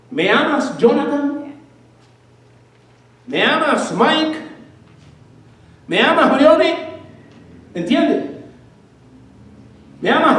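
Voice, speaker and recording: A man's voice: very high-pitched, very echoey, recorded from a distance, rough recording. A man preaching a sermon as pastor of a church, asking the congregation questions as he goes.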